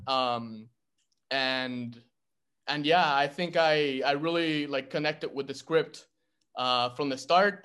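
A young man from Argentina talking casually in a group discussion, halting with lots of fillers and restarts. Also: fairly high pitch, a bit bright. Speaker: actor in a script reading.

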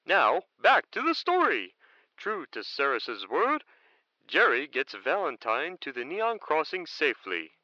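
Man as a mocking, animated disembodied narrator. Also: a little high, unhurried, dry recording, highs cut off, heavily acted. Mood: wry, mocking. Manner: playful, mocking storyteller. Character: teasing disembodied narrator voice, gleeful and judging. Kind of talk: theatrical scripted narration.

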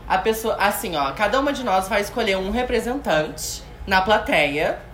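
Brief: female podcast co-host, playful and teasing, a bit high, recorded live in a roomy space with an audience. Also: a bit bright, a little hiss or hum. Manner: explains game rules, playful and teasing. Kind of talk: casual live podcast chat.

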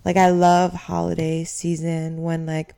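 A woman's voice: fairly low pitch, monotone, measured pace, vocal fry, warm tone, clean tone. A woman chatting casually as a podcast co-host, opinionated and teasing. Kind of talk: casual chat.

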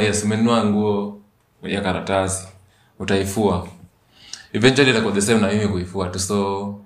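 A man with a Kenyan accent hosting a podcast in casual, slangy chat, often repeating words. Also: on the low side. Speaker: podcast and radio host. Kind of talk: casual chat mixing English and Swahili slang. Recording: roomy echo.

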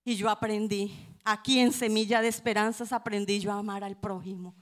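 A woman's voice: mid-range voice, fairly even intonation, normal speed, a bit bright. A middle-aged woman giving a church testimony to a congregation, in an impassioned, preacher-like cadence with repeated phrases. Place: church service.

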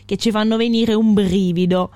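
Thoughtful mid-pitched speaker discussing poetry. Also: steady tone, normal speed, a little mellow, clean tone, no room sound. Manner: thoughtful, searching for words with fillers. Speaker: co-host leading a poetry discussion. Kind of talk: casual literary discussion and poetry reading.

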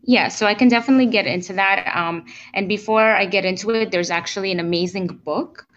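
A woman relationship coach explaining ideas in a relaxed interview, with plenty of fillers and restarts. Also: mid-range voice, brisk, lo-fi sound, a little hiss or hum.

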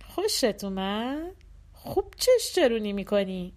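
Woman narrator voicing a brazen, irritable middle-aged street woman; sharp mocking comebacks. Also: fairly high pitch, big pitch swings. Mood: irritated.

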